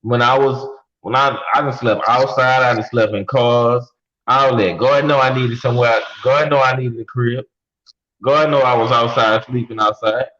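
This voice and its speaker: A man's voice: mid-range voice, steady tone, moderate pace, fairly bright tone, muffled recording. A young man in a casual podcast debate, talking bluntly in slangy street talk and pressing with questions. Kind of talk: casual debate over mics.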